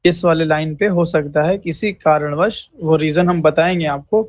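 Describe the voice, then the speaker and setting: A man teaching a programming lesson, who speaks slowly and repeats points, often checks in with listeners and mixes English terms into his Hindi. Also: on the high side, steady tone, no echo. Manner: slow, repetitive, checks in with "thik hai" often; clears throat now and then. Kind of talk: screen-recorded coding lesson. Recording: dry, slightly dull mic.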